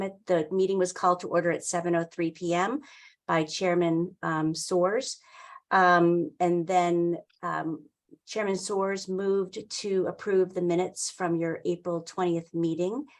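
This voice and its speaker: An older woman speaks on a video call in a slightly low voice. She briefs a meeting informally, in a halting, explanatory way, pausing often mid-phrase. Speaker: town wetlands staffer running a public meeting. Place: indoor room, on a video call. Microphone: computer mic on a video call.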